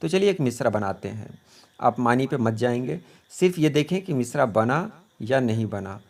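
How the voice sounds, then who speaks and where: Man, Urdu teacher from India, middle-aged, patient, explanatory, repeats words slowly, middle pitch. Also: expressive, a little mellow. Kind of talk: poetry meter lesson.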